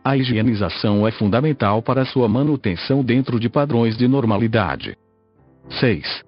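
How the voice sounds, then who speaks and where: A man's voice: medium pitch, lively intonation, normal speed. Synthetic male Brazilian voice, dull lo-fi sound. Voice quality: synthesized text-to-speech voice, like an old speech synthesizer. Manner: stiff, mechanical reading. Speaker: podcast host. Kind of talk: scripted narration, reading an article aloud. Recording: muffled lo-fi audio with music.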